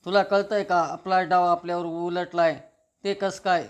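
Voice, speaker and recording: A woman's voice: fairly low pitch, steady tone, a little slow, lightly acted. A man reading as a fretful scheming mother. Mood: scolding.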